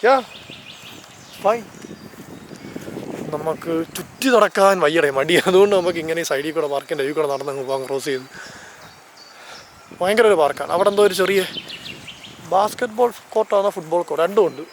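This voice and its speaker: A man's voice: a little high, a little fast, pauses often, slight background noise. A man with a Malayali accent narrating a casual travel vlog as he walks outdoors, holding the camera and chatting enthusiastically, often correcting himself. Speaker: travel vlogger. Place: outdoors walking through a seaside town and park. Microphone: handheld camera while walking.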